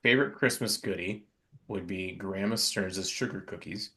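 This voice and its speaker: A very deep, gravelly-voiced man who is a podcast guest and a father. He reminisces in a relaxed way, with frequent ums. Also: normal speed. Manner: relaxed storytelling, many ums. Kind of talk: casual panel chat.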